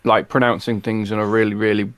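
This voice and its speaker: A man from England co-hosting a film podcast, explaining things in a measured, restarting way. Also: lowish voice, little pitch movement, smooth, no room sound. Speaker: podcast co-host. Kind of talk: casual chat.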